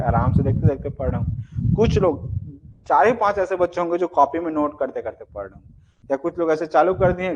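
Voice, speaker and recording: A male teacher giving a live exam-prep class, explaining step by step, often checking whether students understand, and showing points with a book in his hands. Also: fairly high pitch. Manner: explanatory, repeats "ठीक है" and quiz questions; demonstrates with gestures and a book. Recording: dull lo-fi sound with faint noise.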